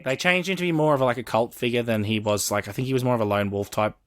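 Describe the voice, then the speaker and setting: A man co-hosting a casual gaming podcast, rambling through animated retellings of what happens in the game. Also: mid-range voice, racing. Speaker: podcast co-host.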